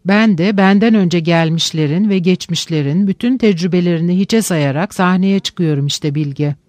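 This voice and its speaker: A man with a high-pitched voice narrates a literary audiobook, measured and reflective with slow pauses. The sound is dry and close to the mic, with no room around it. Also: darkish tone, dry recording.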